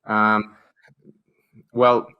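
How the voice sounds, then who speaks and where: A man with a very deep voice co-hosts a podcast styled as a jokey awards show. He talks in a loose, playful way and wanders through his thoughts with many fillers. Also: monotone, very slow, clean tone, muffled recording. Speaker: podcast co-host. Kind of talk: casual chat, mock awards show.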